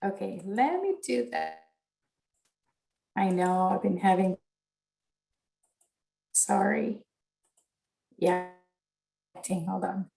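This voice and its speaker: Slow-talking woman on glitchy, breaking-up call audio. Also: mid-range voice, lively intonation, gravelly, dark tone, soft background music, rough recording. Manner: halting, with many fillers and restarts. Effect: choppy video-call audio that breaks up. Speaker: presenter from an animal shelter agency. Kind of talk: webinar presentation. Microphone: video call.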